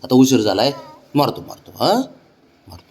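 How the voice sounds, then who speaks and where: A young man talking affectionately to his cats at home, coaxing them in baby talk that soars into a high sing-song when he greets them. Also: moderate pace, darkish tone. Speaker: cat owner. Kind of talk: casual talk to pets.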